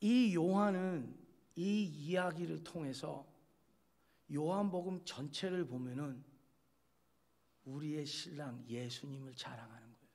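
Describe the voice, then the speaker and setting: Male pastor, gravelly fry, sermon, joking, chatty, talks straight to the listener. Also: a little high, measured pace, pauses often, a little mellow. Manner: joking, chatty preaching with acted-out quotes.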